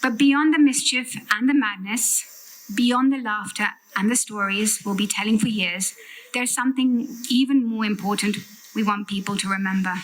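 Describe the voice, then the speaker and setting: A middle-aged woman delivering a prepared farewell speech with heartfelt, emphatic and deliberate phrasing. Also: medium pitch, low-quality recording. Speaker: sister giving a farewell eulogy.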